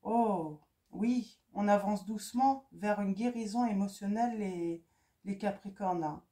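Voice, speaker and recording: Soft, mellow woman reading cards. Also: medium pitch. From France. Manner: halting, with many fillers and repeated words. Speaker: tarot card reader. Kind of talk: casual spoken card reading.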